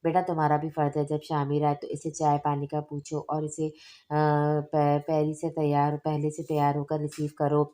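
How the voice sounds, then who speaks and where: A woman voicing an affectionate older mother who speaks softly, read out in a storybook narration. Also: low voice, completely flat delivery, moderate pace, natural voice. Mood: gentle. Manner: soft-spoken, motherly.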